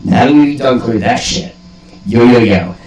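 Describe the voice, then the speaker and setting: A man's voice: mid-range voice, unhurried, a crowd in the background. A man delivering a mock-philosophical comedic rant in profane bro slang, with hammy, theatrical emphasis and swagger. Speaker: host of a comedic monologue. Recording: roomy echo, music behind.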